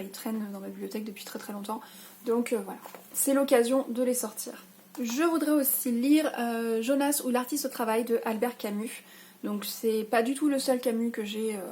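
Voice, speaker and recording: Young woman, book vlogger, casual chat, lots of fillers, slightly high voice. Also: darkish tone, a little hiss or hum. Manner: chatty, hesitant, frequent fillers. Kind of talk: casual reading-list vlog.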